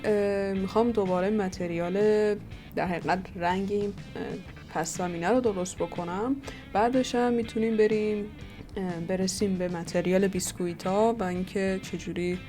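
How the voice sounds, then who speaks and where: A woman's voice: medium pitch, a little mellow. A woman who hosts her own channel, giving casual commentary as she works and muttering to herself while trying things out. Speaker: 3D artist and channel host. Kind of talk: casual thinking-aloud commentary while working.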